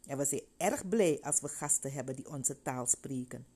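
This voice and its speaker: A woman voicing an eager ten-year-old girl who asks excited, insistent questions. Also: extremely low pitch, normal speed, husky. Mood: welcoming.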